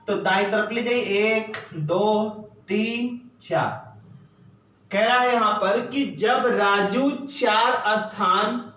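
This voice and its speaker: A man's voice: high voice, fairly bright tone. A male teacher explaining a reasoning problem step by step, counting positions aloud and asking the class rhetorical questions. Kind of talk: exam-prep lesson at a board. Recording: very echoey room.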